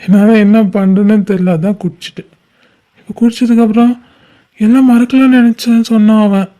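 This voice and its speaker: A woman's voice: fairly high pitch, fairly even intonation, brisk, mellow, close to an everyday voice. A woman voicing a heartbroken, bitter young man in a homemade cartoon, with a brooding, reproachful way of talking. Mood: brooding sad.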